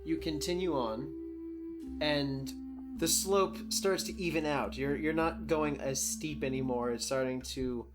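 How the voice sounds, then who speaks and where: A man running a tabletop game, calmly describing the scene to the players. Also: on the high side, unhurried, over music. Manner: calm descriptive narration. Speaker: game master.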